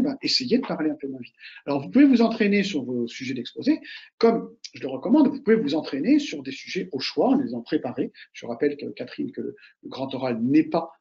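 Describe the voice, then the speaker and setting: Fast-talking man coaching students. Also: a little high, muffled recording. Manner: animated, repeats key points, addresses listeners directly. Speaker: author and oral exam coach. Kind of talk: casual advice talk to students.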